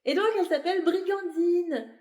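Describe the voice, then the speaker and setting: A very high, slightly mellow female voice at normal speed bounces around an echoey room. She's a knitting vlogger who has a cold and sounds somewhat tired, offering a rambly, casual show-and-tell peppered with fillers and corrections.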